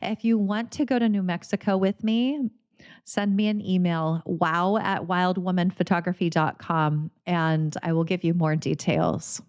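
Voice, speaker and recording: A woman's voice: fairly low pitch, fairly even intonation, a little slow, darkish tone, clear, resonant tone. Chatty American woman podcast host. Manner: chatty, laughs often, many restarts. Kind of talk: casual chat.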